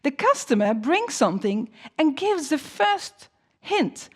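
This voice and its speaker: A woman's voice: high-pitched, big pitch swings, takes it slowly. A woman who is a non-native English speaker presents teaching tips as a teacher, in an encouraging manner with frequent rhetorical questions. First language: not English.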